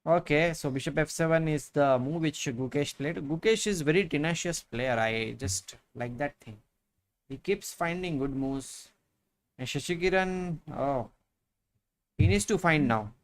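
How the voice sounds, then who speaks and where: A man's voice: on the high side, unhurried. A man in his thirties co-hosting a live chess stream, thinking aloud about moves with many fillers. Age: 30s. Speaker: chess commentator co-host. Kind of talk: casual chess commentary. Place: room at home.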